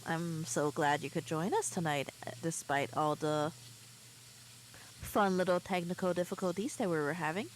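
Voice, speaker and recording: A woman hosting a casual game stream, chatting to her viewers in a relaxed way. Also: on the low side, moderate pace, a little hiss or hum, rough recording. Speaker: streamer host.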